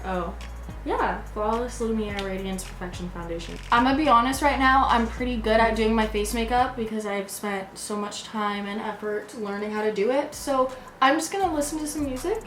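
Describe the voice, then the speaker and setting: A giggly, tipsy young woman talks casually through a makeup tutorial. Her voice sits a bit high and bounces off the room, with faint music playing behind her. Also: moderate pace. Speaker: makeup vlogger. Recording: echoey room with background music.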